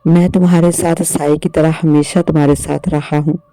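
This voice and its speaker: A man voicing a gentle, teasing young male jinn suitor who speaks softly and reassuringly in a storybook tale. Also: a little high, flat delivery, normal speed, no room sound, natural voice. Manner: soft, playful, reassuring.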